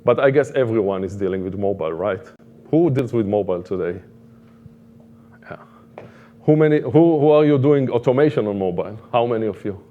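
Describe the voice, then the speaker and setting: The sound is narrow and tinny, carrying a man's voice on the low side with lively intonation. He is a middle-aged, Israeli-accented conference speaker and product management director, giving a loose, halting talk full of repeated phrases and fillers.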